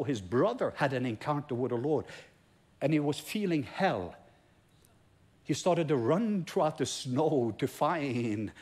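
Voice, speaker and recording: Preaching in English, which isn't his first language, a pastor from Norway shares his testimony with emphatic, repetitive build-ups. His voice is husky and darkish, sitting in the mid-range.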